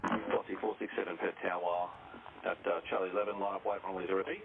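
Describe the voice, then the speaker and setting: A man's voice: deep voice, level tone, creaky. A man with an Australian accent giving terse air traffic control calls as a tower controller, heard over a fuzzy, distorted radio transmission. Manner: rapid, terse radio phraseology. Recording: noisy distorted radio feed, muffled.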